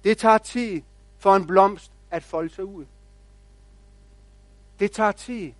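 Higher-voiced man preaching a sermon. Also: dry recording. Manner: measured storytelling, quiet reflective pauses. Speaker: pastor.

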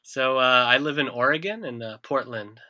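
Guy chatting, super bright tense voice, laid back, jokes on himself. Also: medium pitch, normal speed, no room sound. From Israel. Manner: relaxed, self-deprecating, chuckles often. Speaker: guest musician. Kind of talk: casual interview chat.

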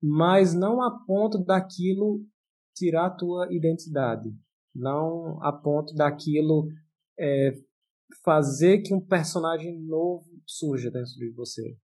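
Guy on a podcast, kinda husky voice, pitched a bit high, thinks out loud slowly. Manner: measured, reflective, many fillers. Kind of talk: casual discussion.

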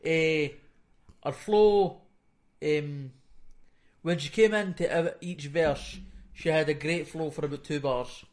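A man's voice: on the high side, takes it slowly. A man with a Fife Scottish accent chats casually and bluntly as a music critic, swearing and mumbling as if barely opening his mouth. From Fife, Scotland. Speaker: music critic on a hip hop review show. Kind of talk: casual chat.

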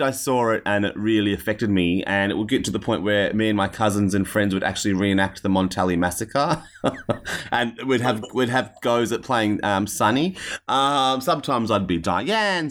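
A man's voice: on the low side, normal speed, fairly bright tone. A man interviewing an author, eager and chatty, often laughing. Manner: enthusiastic, laughs often, uses fillers. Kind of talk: casual interview chat.

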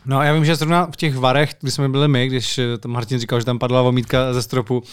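Smooth-voiced man co-hosting. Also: medium pitch. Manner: relaxed, chatty, asks questions. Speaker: podcast co-host. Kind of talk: casual podcast conversation.

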